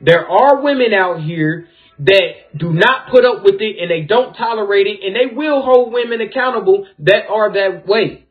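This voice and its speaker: A man in his thirties with a high voice hosts a supportive, casual chat, talking to his guest at a moderate pace in an encouraging, affirming way. The audio is tinny and phone-like, with faint music.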